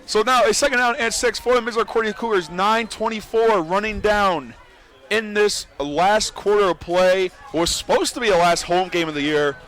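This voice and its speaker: A young man calling college football play-by-play, excitable and getting loud on big plays, outdoors at a stadium. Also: high-pitched, normal speed. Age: young adult. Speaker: play-by-play commentator.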